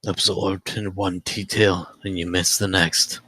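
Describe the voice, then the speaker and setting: A man voicing a weary, hard-drinking gambler in brooding, drawn-out dramatic role-play narration. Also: low-pitched, level tone, pushed and bright, husky, no echo, exaggerated voice, low-quality recording.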